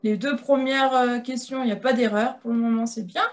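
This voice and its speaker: Hesitant higher-voiced woman presenter. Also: fairly even intonation. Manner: hesitant, frequent filler pauses. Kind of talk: online webinar presentation.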